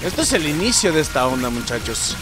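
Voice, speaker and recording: A man with a Mexican accent giving let's play commentary, excitable, swearing and yelling at the game as he plays. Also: on the high side, quick pace. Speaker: gameplay streamer. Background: game music.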